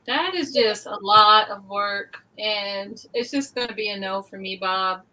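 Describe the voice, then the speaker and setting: A woman's voice: mid-range voice, unhurried, pushed and bright, low-quality recording. A woman booktuber chatting wryly on a live stream panel over a video call, blunt but hesitant as she thinks. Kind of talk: casual chat on a live stream.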